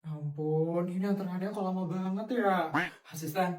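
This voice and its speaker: A woman voicing an impatient, spoiled rich woman client who complains in a drawn-out way. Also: medium pitch, steady tone, darkish tone, lightly acted. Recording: roomy sound from a distance.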